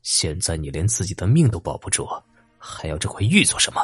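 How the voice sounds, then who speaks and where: A man voicing a cruel, greedy male army officer who makes low, quiet threats. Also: brisk, husky, no echo, studio quality. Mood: menacing.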